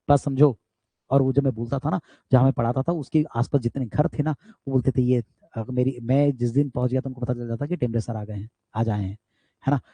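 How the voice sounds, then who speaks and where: A man's voice: mid-range voice, husky, no room sound. A man from India, a physics teacher, giving students an emphatic, motivational aside during an online class and often checking that they follow. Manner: emphatic, talks straight to students with repeated tag questions; loud forceful speaker.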